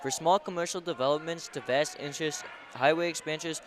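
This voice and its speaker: A man reads a short sponsor advertisement aloud and trips over a few of the words. His voice sits a little high. A clear noise hangs behind the read. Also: a little fast, a faint crowd. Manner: reads with stumbles. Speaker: sponsor reader.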